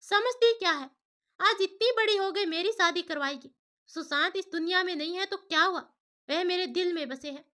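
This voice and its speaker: Woman voicing a devoted widowed mother in a storybook; bright, raised, indignant. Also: very high voice, fairly even intonation, a little fast. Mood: furious. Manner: indignant, insistent protests.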